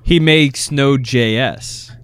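A man's voice: medium pitch, extremely slow, smooth, no echo. A twenty-five-year-old man chatting on a gaming podcast, wry and teasing, laughing often in the banter. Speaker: podcast co-host, YouTuber and audio engineer. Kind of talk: casual podcast chat.

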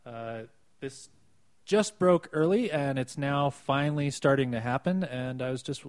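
Halting male podcast host, dry sound. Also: medium pitch, no echo. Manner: halting, many fillers. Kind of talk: casual news chat.

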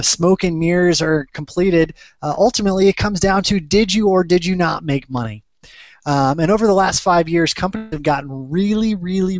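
A man's voice: on the high side, no room sound. A man giving conversational, explanatory commentary as an investment advisor on a podcast.

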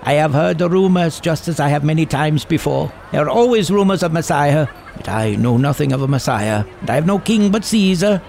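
A man's voice: on the high side, lively intonation, fairly quick, creaky, a little mellow, a little hiss or hum. An actor playing a wheedling Arabian spice merchant in a radio drama who keeps pushing his goods. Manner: wheedling salesman, keeps pressing his wares. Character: pushy chuckling Arabian spice merchant, man.

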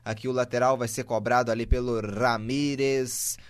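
A man's voice: medium pitch, fairly even intonation, moderate pace, clean tone. A man with a Brazilian accent giving running play-by-play commentary on a football match.

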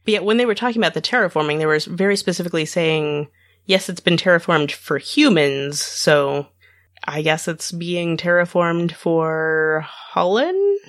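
A woman's voice: on the low side, animated, moderate pace, no room sound, clean studio sound. A woman co-hosting a podcast, speculating tentatively in casual discussion. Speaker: podcast co-host.

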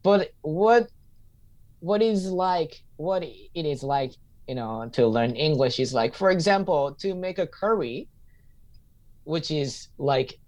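A man's voice: fairly high pitch, expressive, slow, a little mellow. A man in his thirties, a comedian and teacher, answering interview questions in a casual, thoughtful way and often restating a point while he hunts for the right words. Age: 30s. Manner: reflective, repeats himself while searching for words.

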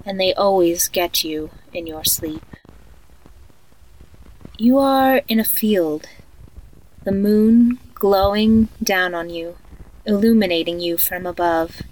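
A female performer plays an eerie woman narrating a guided sleep meditation in a horror audio story. She speaks very slowly and softly, like a sleep story narrator. Her mid-pitched delivery is soothing yet haunting. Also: close to an everyday voice, rough recording.

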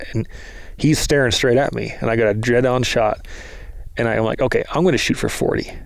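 A man telling a lively story in casual talk, acting out the quoted lines of others. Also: mid-range voice, no room sound. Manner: animated storyteller, acts out quotes. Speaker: guest, bow hunter.

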